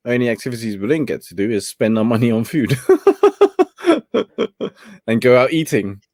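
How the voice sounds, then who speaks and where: A man's voice: medium pitch, very animated, a little slow, a little mellow, no room sound, clean studio sound. A young man hosting a casual late-night chat, laid-back and laughing often as he talks. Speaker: host.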